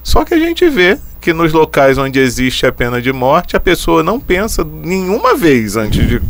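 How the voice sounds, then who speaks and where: Man thinking aloud, lively pitch. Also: moderate pace, vocal fry. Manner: thinks aloud with hesitant restarts and frequent tag questions. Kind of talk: casual reflective conversation.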